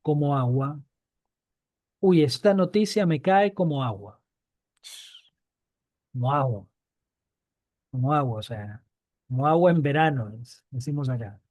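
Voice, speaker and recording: A man's voice: on the high side, measured pace, long pauses, a little mellow, no echo, muffled recording. A man teaching Biblical Hebrew, repeating key points and asking his students questions. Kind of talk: online class lesson.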